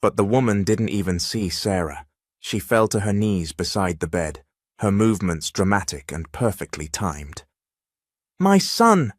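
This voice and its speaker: A man reading a dramatic story as narrator in a steady, measured way. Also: deep voice, no room sound, clean studio sound.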